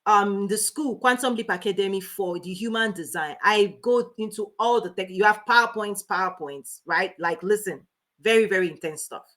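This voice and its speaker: A woman hosting a motivational livestream as a life coach, talking fast and emphatically, repeating key points and greeting viewers by name. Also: medium pitch, a bit bright. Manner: speaking fast.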